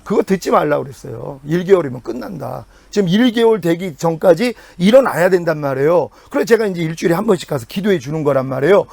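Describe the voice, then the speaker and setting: A middle-aged male pastor preaching a sermon in an animated way, jumping up in pitch and then dropping to quiet asides. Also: quick pace, gravelly, few pauses, no echo.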